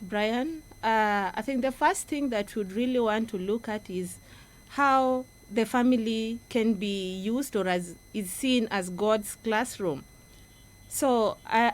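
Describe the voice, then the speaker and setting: Slow-speaking Kenyan woman on radio. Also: a little high. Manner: earnest, instructive. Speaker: guest speaker, project coordinator. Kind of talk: radio talk presentation. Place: radio studio.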